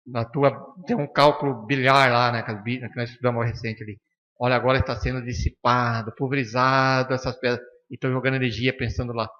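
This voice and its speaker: A man with a Curitiba Brazilian accent leads an informal study class at a spiritist center, speaking quickly and firmly. He keeps slipping into quick acted exchanges with the people he treats. The recording is dull and lo-fi, with a long reverb trailing off the walls of the hall. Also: mid-range voice. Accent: Brazilian Portuguese, from Curitiba. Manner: animated, acts out dialogues with patients; blunt and firm, frequent "né?" tags. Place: spiritist center lecture room.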